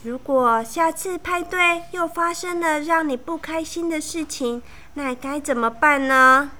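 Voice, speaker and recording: A gentle queen mother from a storybook speaks softly to her child, as a woman reads her lines. Her high, bright voice is tender and unhurried. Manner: soft, tender, soothing.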